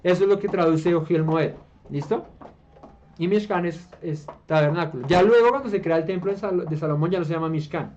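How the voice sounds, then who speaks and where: A man's voice: brisk, darkish tone. A man from Colombia with a Colombian Spanish accent, teaching a small group Bible study in a conversational way and often checking in with the listeners. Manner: hesitant restarts while explaining. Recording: dull low-fi room recording with faint hiss.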